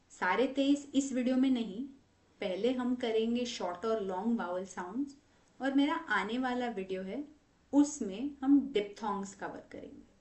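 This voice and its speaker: Indian woman coaching english sounds, slow and patient, bit high voice, echoey room. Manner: slow, patient, demonstrates sounds by drawing them out. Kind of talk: relaxed explanatory lesson.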